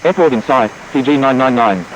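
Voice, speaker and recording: A man's voice: mid-range voice, fairly quick, slight background noise, poor audio. A man acting as a pilot, giving terse, clipped radio calls heard through a cockpit headset radio.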